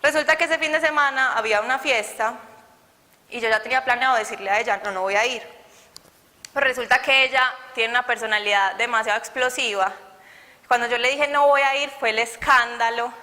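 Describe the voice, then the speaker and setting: Young woman, earnest chatty preacher, higher voice, reverberant hall. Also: a little fast, bright, forceful tone. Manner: earnest, conversational, acts out quoted dialogue. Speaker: church youth speaker. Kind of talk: sermon with personal testimony.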